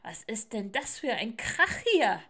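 A woman voicing a grumpy, scolding stag beetle in a storybook reading, with a shrill, bossy manner. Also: sing-song, a little slow, bright, forceful tone, husky, exaggerated voice.

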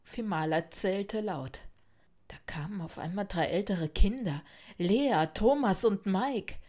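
A woman narrating a children's storybook in a clear, even storytelling manner. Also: mid-range voice, takes it slowly.

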